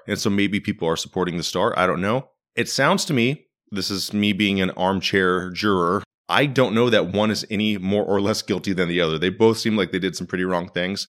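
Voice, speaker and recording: A man's voice: low voice, fairly quick, a bit bright. A man hosting a podcast in casual, wry conversational commentary, recorded in a living room. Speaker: podcast host. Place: living room used as a home studio.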